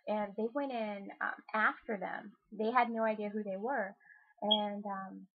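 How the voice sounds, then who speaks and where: Excitable woman vlogging over a tinny line. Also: mid-range voice, a little slow, slightly rough. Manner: excited, rambling, lots of fillers and swearing. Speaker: YouTube channel host. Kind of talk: casual vlog chat. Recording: tinny lo-fi phone-like sound.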